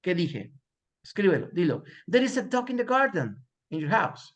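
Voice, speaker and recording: A man teaching an English class in Spanish and English, repeating example sentences slowly for his students. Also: high voice, sing-song.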